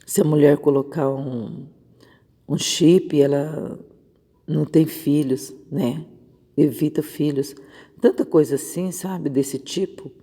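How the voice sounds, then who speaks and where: A woman's voice: low-pitched, fairly even intonation, takes it slowly, mellow, in a large hall. A woman missionary preaching an informal devotional on a Bible verse, conversational and often checking in with her listeners. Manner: conversational, keeps asking "né?".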